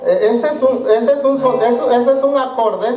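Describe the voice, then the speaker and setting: A man teaching music to a church congregation, halting and filler-heavy, calling his listeners brothers and sisters. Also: very high-pitched. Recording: roomy sound from a distance, with music.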